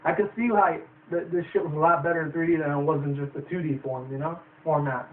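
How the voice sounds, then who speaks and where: A man's voice: a little high, fairly even intonation, quick pace. A young man giving a loose, profane, rambling movie review. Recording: distant tinny phone-like audio with faint noise.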